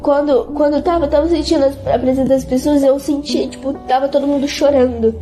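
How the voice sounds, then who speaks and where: High-pitched woman, halting and tearful. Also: steady tone, warm tone, soft background music. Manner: halting and repetitive, often tearful. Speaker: interviewee giving a religious testimony. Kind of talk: emotional spoken testimony.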